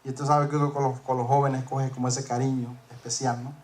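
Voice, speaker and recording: A man's voice: medium pitch, level tone, fairly quick, darkish tone. A man preaching a sermon, telling a workplace story and acting out the dialogue, rising to emphatic peaks. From northern United States.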